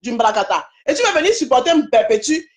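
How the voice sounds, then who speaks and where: A woman joins a live stream as a guest and lectures someone in a scolding tone. Her high voice presses the same points again and again. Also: sing-song, quick pace. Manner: scolding, lecturing, repeats phrases. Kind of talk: heated live stream commentary.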